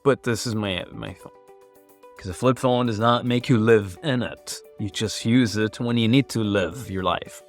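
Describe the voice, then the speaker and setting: A man's voice: on the low side, a little slow, faint music behind. Chatty man in his thirties, from Kuwait. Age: 30s. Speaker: film student. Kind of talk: documentary interview.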